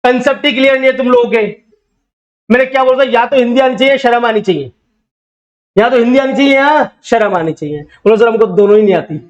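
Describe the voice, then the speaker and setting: A man's voice: very high voice, fast talker, dull audio. A man teaching accounting to a classroom, drilling students with repeated questions and teasing them when they don't know. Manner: teasing, scolding banter with the class. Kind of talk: classroom lecture.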